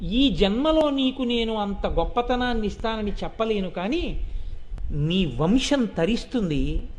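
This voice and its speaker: A man voicing a compassionate village mother goddess who tenderly reassures a crying boy, in devotional storytelling. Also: sits high.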